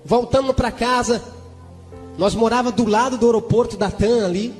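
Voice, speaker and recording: A man preaching a testimony in church, telling his story fervently, with sudden shouted exclamations and bursts of tongues between sentences. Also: very high voice, fairly even intonation, normal speed. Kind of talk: sermon testimony. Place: church hall. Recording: echoey church hall with music behind.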